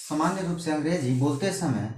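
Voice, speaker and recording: Male teacher, fairly high voice, patient and repetitive explainer, echoey room, set back from the mic. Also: lively intonation, a little mellow, recorded from a distance, a little hiss or hum. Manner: slow, repetitive, asks rhetorical questions and answers them. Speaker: English grammar teacher. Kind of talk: classroom-style Hindi grammar lesson.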